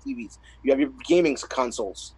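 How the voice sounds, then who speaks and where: A man's voice: medium pitch, lively intonation, a little fast, a little mellow, husky, poor audio. A man co-hosting a casual comedy podcast, telling rambling family stories and laughing often. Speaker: co-host. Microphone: remote call.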